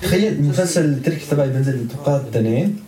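A man's voice: a little high, animated, very fast, background noise. A man in a casual chat who rambles and repeats words. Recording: echoey room with crowd chatter behind.

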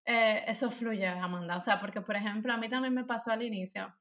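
A young woman, telling stories as an animated co-host in a casual chat. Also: on the high side. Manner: animated storyteller, fast and chatty.

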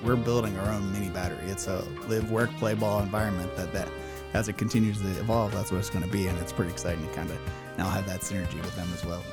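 A man's voice: low voice, little pitch movement, fast, loud music behind the voice. A middle-aged man from Pennsylvania, a guest chatting upbeat and enthusiastic in an interview. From Pennsylvania, USA. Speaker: guest, baseball team vice president. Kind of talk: casual interview chat.

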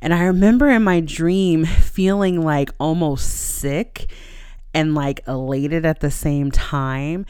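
A podcast host chatting casually and conversationally alone, in a smooth, clear voice close to the microphone. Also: medium pitch, takes it slowly, a little mellow, no room sound. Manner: conversational, laughs easily while talking.

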